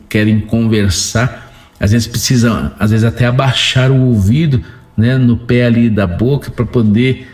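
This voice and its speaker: A man's voice: lowish voice, a little mellow. A Brazilian man preaching a sermon in a didactic way, using rhetorical questions and repeated phrases.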